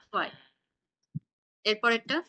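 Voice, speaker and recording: A woman's voice: a little slow, bright, forceful tone. A woman teaching an online German class, patiently quizzing her students on pronunciation over a video call.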